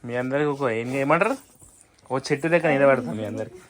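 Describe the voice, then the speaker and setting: A man's voice: mid-range voice, fast talker, slight background noise. Chatty Telangana man vlogging with family. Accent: Telangana Telugu. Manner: chatty, addresses viewers as friends. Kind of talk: casual family chat.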